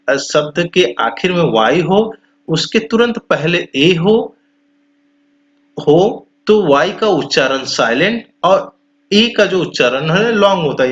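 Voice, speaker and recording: Hindi-speaking male teacher, slightly high voice. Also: fairly bright tone. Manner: repeats example words slowly, drawing out vowels. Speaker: English pronunciation teacher. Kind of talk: explanatory lesson. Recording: dull lo-fi sound.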